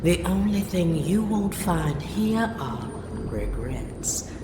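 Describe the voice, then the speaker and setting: An actress playing a seductive, teasing hostess in a video game, with a breathy, drawn-out delivery. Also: female voice, fairly low pitch, expressive. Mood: seductive welcome. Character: sultry, teasing adult hostess of a decadent party hall. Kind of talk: video game character acting. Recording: echoey hall with loud background noise.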